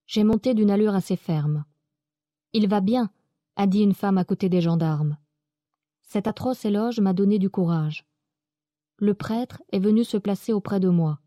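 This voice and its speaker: Woman, warm mellow voice, calm audiobook narration, dry close sound. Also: medium pitch, no room sound. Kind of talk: audiobook reading of a classic novel.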